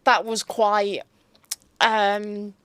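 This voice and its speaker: A woman's voice: mid-range voice, little pitch movement, very slow, a bit bright, smooth, no echo. A young woman from England, a reality show guest in a casual interview, chatty and hesitant with many fillers, restarts and giggles.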